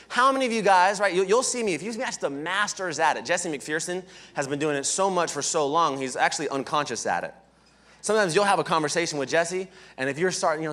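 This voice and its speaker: A man giving a live motivational training talk at a conference, energetic, often asking "right?" and throwing questions to the audience. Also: on the high side. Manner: energetic, keeps checking in with "right?". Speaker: sales leadership trainer. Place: conference hall, indoors.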